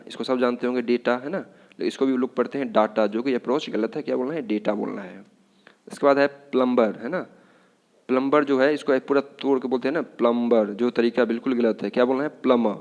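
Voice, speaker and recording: A man's voice: medium pitch, darkish tone, dull audio. A man with an Indian accent, a Hindi speaker, teaching English pronunciation in a classroom-style lesson, asking questions again and again. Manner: repetitive, keeps asking "what should we say".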